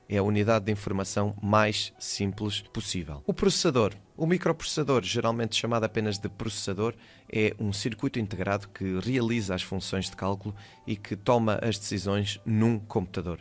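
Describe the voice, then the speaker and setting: A man with a European Portuguese accent reading a voice-over for a school project, explaining computer terms one by one. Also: lowish voice. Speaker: teacher.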